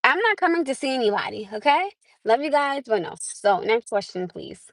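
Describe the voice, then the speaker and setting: Her fairly high voice is a bit bright, with vocal fry and big pitch swings, at normal speed. This American woman livestreams from her parked car on a phone camera, chatting casually, laughing often, and calling viewers "my love." The recording is dry.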